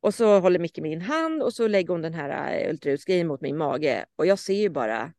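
A woman's voice: lowish voice, sing-song, a little mellow, no echo, clean studio sound. A young adult woman, a podcast co-host, tells a personal story in casual chat with feeling and acts out quoted lines of dialogue.

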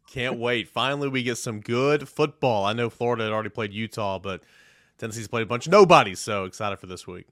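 A man with a medium-pitched voice talks sports casually as a podcast panelist. The recording is dry, with almost no room around the voice. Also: a little fast, fairly bright tone, no echo.

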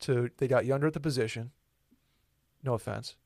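A man's voice: mid-range voice, a little fast, darkish tone, no room sound. Rambling man in his twenties, dry studio. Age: 20s. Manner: loose, rambling, self-correcting. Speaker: podcast co-host. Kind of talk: casual podcast chat.

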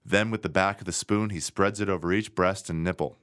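A man co-hosting a podcast, reading a romance novel aloud with deadpan, sarcastic asides. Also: deep voice, fairly quick, clear, resonant tone, dry recording, clean studio sound. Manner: sarcastic, deadpan asides between read passages. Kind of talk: casual chat with dramatic reading.

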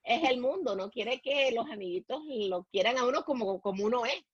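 A woman with a Puerto Rican Spanish accent tells her story as a podcast guest, stopping and restarting often and dropping in English words. Her voice is a little husky. The sound is dry and slightly dull. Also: a little high, animated, dry recording. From Dominican Republic, raised in Puerto Rico. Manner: halting, many restarts, slips into English words. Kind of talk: personal storytelling in a podcast interview.

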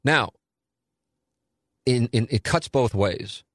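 In his forties, this radio and podcast host has a mid-range, expressive voice and speaks slowly. Alone on a listener Q&A, he rambles candidly and pokes fun at himself; the studio recording is clean with no room sound.

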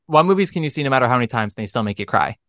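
A man hosting a casual podcast interview, talking in an animated, emphatic, jokey way. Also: medium pitch, rapid-fire, no echo, clean studio sound. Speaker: podcast host.

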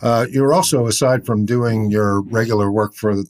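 A man's voice: fairly low pitch, steady tone, normal speed, a little mellow. A man hosting a podcast interview, speaking in a thoughtful, hesitant way. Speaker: podcast host. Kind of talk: interview conversation.

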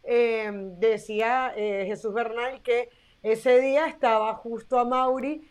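A woman's voice: a little high, fairly even intonation, takes it slowly, clean tone. A woman on a sports talk panel, explaining at length with frequent fillers. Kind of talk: sports talk show discussion.

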